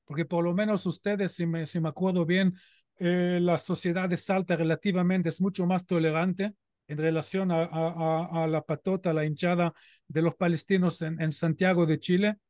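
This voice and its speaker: High-voiced, earnest man with an Israeli accent. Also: little pitch movement, normal speed, a little mellow, no echo, studio quality. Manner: earnest and emphatic, with frequent rhetorical "¿no?". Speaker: guest speaker. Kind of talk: informal talk to a community audience.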